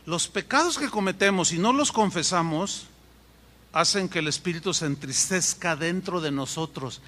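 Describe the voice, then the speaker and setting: A man preaches a sermon in an animated way, slipping into voices for his anecdotes. His voice sits high and rings bright. The sound comes from a hall with a long, trailing reverb. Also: moderate pace. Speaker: pastor.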